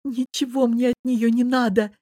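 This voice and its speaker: A distraught young woman, hurt and defensive, sobs through her words in a high, strained voice, as a woman reader puts her on. The delivery is loud and emotional. The sound is dry and close, with no room around it. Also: moderate pace, no room sound, lightly acted. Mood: tearful. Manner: sobbing, high-strung pleading.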